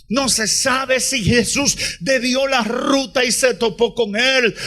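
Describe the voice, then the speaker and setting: A man preaching a passionate sermon at a church service, rising dramatically into shouts. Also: extremely high pitch. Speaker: pastor.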